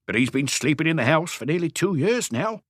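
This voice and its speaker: A man puts on an exaggerated, fairly high voice, pitched above his natural one, to play a wry, evasive old house painter in an audiobook story. The character is a stocky, cagey Parisian workman who talks colloquially, sounds knowing and skeptical, and dodges questions by asking questions back. His delivery is very animated, a little fast, a bit bright and breathy, recorded dry in a clean studio.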